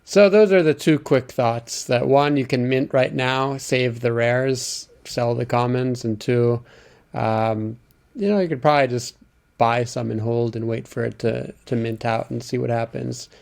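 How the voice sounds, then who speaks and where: A man guest talking casually, explaining in halting speech with many fillers. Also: mid-range voice, vocal fry, darkish tone. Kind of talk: casual chat.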